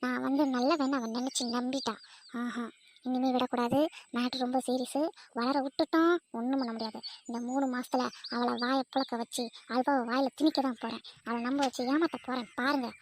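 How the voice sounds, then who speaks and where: A woman's voice: high-pitched, fairly even intonation, brisk, slight background noise. A woman playing a bossy, scheming middle-aged mother-in-law who fusses with false sweetness. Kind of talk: family comedy skit acting.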